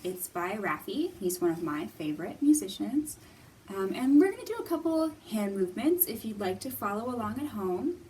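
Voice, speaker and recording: At a public library storytime, a woman sings songs with young children and explains things in simple terms, her manner playful and encouraging. Her warm, medium-pitched voice has big pitch swings at a normal pace. Room noise comes through the distant mic.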